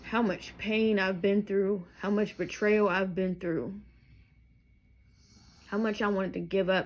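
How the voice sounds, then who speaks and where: A woman in her thirties, a vlogger, tells her viewers her life story in a personal testimony to camera, candid and emotional, drifting into asides as she goes. Her voice is medium-pitched, and the recording is rough.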